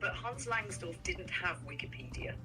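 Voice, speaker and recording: An AI voice assistant calmly explaining history in chat answers, reading out web links. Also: mid-range voice, distant mic, over music, low-quality recording. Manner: measured, reads out links.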